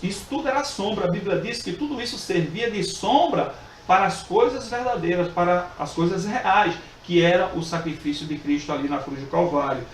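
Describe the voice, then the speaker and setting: A man teaching a Bible study lesson, earnest and repetitive, pausing often with fillers as he explains. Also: high-pitched. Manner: earnest, repeats phrases with frequent filler pauses. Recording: echoey room, distant mic, faint hiss.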